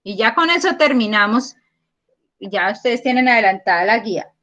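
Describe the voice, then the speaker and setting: A woman teaching a primary school math class over a video call, patient and encouraging, counting aloud slowly. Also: a little high, expressive, fairly bright tone, lo-fi sound. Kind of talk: online class. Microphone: computer mic on a video call.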